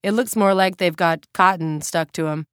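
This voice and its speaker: A woman's voice: on the low side, normal speed, clean tone, no room sound, clean studio sound, natural voice. A woman reading an audiobook, voicing a nervous male hospital orderly who speaks hesitantly in clipped, casual phrases. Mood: uneasy.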